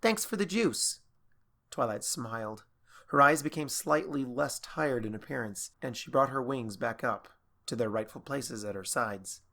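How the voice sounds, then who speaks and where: A man narrating a fan fiction audiobook in a steady, even storytelling manner. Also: mid-range voice, moderate pace, creaky.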